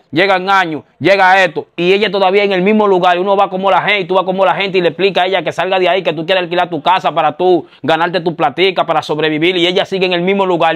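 A man playing a quick-tempered husband who gets worked up and keeps repeating himself. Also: high voice, fairly bright tone. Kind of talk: amateur drama acting.

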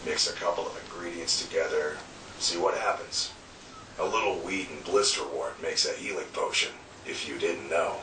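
Gruff laconic fantasy-game innkeeper male actor, extremely low voice, echoey distant TV playback. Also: moderate pace, background noise, close to an everyday voice. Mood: dry, blunt. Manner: dry, plain-spoken, laconic. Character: gruff, blunt male tavern keeper. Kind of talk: fantasy video game acting. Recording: echoey game audio from TV speakers.

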